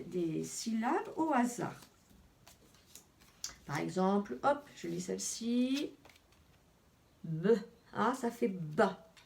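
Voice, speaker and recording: A woman teacher with a French accent, giving a slow phonics lesson and carefully sounding out letters and syllables. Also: on the high side, creaky, a little mellow, far from the mic. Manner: slow, deliberate, spelling out sounds.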